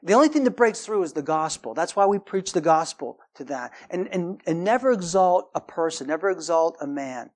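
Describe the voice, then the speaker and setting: A middle-aged man preaching a sermon, emphatic, his voice rising high and loud to stress points. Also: expressive, brisk, few pauses. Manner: emphatic, rising in pitch and volume for stress, acts out quoted voices. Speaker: pastor.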